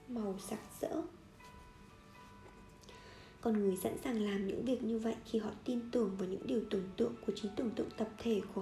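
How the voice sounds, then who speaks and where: A woman reading a nonfiction book aloud in a steady, measured way, now and then correcting a slip. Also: a little high, roomy sound. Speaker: audiobook reader.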